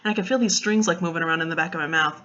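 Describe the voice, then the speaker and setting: A young woman chatting casually in a vlog, retelling a story in an animated way with lots of fillers and quoted dialogue. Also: low-pitched, rapid-fire, muffled recording, slight background noise. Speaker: vlogger.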